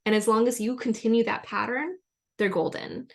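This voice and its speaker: A woman physician guest on a podcast, explaining lively with everyday examples. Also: a little high, moderate pace, creaky. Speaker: guest, physician and wellness coach. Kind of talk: conversational interview.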